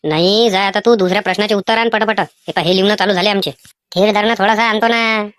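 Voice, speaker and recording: With a steady tone and medium pitch, a woman speaks quickly and a bit brightly, lightly acting the part of a cheeky schoolboy. The mischievous, whiny, pleading character tries to cheat on an exam in a Vidarbha Marathi accent, and the cartoon voice work is recorded dry.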